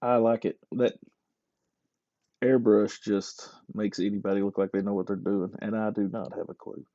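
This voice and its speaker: A man's voice: lowish voice, little pitch movement, normal speed, dark tone, no room sound. A man talking through a lure-carving tutorial in a casual, self-deprecating, joking way, recorded with slightly dull lo-fi audio. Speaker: hobby lure carver.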